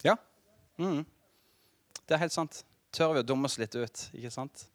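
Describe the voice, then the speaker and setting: A middle-aged man preaching a sermon as pastor, telling a story with lively asides and laughter to the congregation. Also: on the high side, dry recording.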